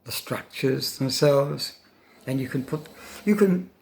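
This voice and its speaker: An older male teacher talks through his lesson in a thoughtful, unhurried way, pausing often and stressing single words to show how they sound. His voice sits at a middle pitch, and he checks in with his listener with a quick "no?" after his points. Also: vocal fry, darkish tone. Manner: thoughtful, pausing, demonstrates intonation aloud; tags questions with "no?". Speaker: English teacher. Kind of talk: informal spoken lesson.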